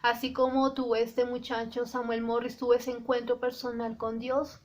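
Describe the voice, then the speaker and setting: A woman preaching a sermon in Spanish style, earnestly addressing the listener and slowing down to quote scripture, with some restarts. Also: a little high, level tone. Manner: restarts and repeats words.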